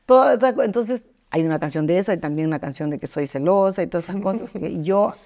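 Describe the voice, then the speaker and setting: A middle-aged woman and singer-songwriter telling personal stories in a candid interview, full of fillers and acting out what others said in higher voices. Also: fast. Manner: lively storyteller, jumps into high voices to act out quotes, many fillers.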